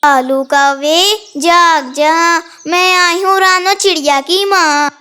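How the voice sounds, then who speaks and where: A woman voicing the ghost of a vengeful mother bird, speaking slowly and menacingly in a cartoon. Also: very high voice, steady tone, bright, forceful tone, full character voice. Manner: slow, drawn-out, menacing.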